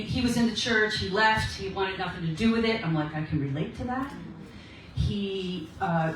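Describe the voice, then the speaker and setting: A woman's voice: lowish voice, recorded from a distance, a little hiss or hum. A woman giving a personal testimony talk to a meeting, telling her story in a chatty way and acting out the quoted exchanges. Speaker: speaker at a women's ministry meeting. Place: meeting room. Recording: echoey room, voice from afar.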